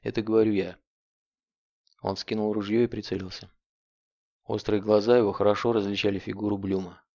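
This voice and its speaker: A man narrating an audiobook in a steady, grave storytelling manner, on a dull lo-fi recording. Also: lowish voice, a little fast, dry recording.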